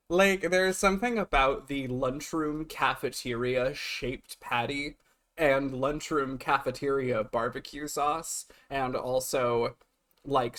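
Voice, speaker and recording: A man with a mid-range voice streams live, eating while chatting casually with his audience and co-host. He swears freely and swings between loud and soft.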